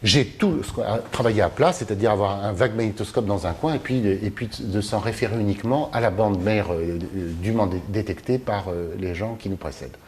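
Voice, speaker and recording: Hesitant, thoughtful man with a low voice. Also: brisk, few pauses, darkish tone. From Mediterranean. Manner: thoughtful, hesitant, many fillers and restarts. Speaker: film translator and teacher. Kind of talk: conversational interview answer. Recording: faint background noise.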